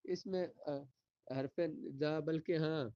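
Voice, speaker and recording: Man teaching a slow grammar lesson. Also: fairly high pitch, steady tone, dark tone, clear, resonant tone, dry recording, dull audio. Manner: reads Arabic slowly, then translates and explains. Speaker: Arabic teacher.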